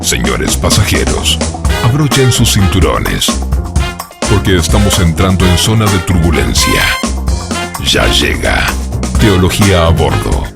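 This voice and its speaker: A man putting on an adult male airline pilot speaking over the intercom, with a very low, gravelly voice that swoops widely in pitch. The announcement plays over loud reggae music. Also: big pitch swings, unhurried, long pauses, heavily acted. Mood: announcing. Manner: announcer-style intercom call to passengers. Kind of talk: show intro announcement.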